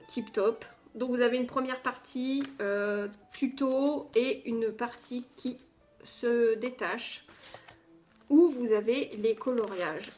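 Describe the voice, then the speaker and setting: A fairly high-voiced woman chats through her latest coloring books, often pausing on hesitant fillers. Faint music plays under her voice. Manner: chatty, with frequent hesitant fillers. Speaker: coloring book vlogger. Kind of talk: casual product haul video.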